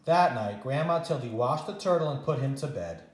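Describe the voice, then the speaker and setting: In a roomy-sounding space, a teacher with a mid-range voice gives an animated read-aloud of a children's storybook. He's expressive, using dramatic pauses and repetition for young listeners.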